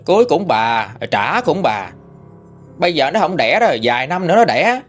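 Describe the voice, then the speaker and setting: A man's voice: mid-range voice, very animated, normal speed, soft background music. A man doing an indignant old grandfather, Southern Vietnamese accent. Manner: scolding, reproachful.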